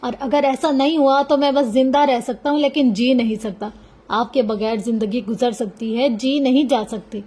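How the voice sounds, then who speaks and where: Woman reading as calm soft-spoken young officer. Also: sits high, normal speed. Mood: gentle. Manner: gentle, persuasive.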